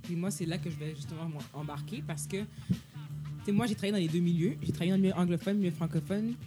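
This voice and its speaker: Young woman on a podcast, talks fast, lowish voice, music playing under. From Quebec. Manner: quick, personal storytelling with fillers. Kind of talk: casual podcast chat.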